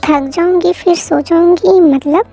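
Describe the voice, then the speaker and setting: A woman's voice: very high-pitched, fairly even intonation, a little slow, creaky, mellow, soft background music, full character voice. A woman voicing a playful, clingy young newlywed wife who pleads and teases in a fan audio drama. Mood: whiny teasing. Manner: whiny, pleading, teasing.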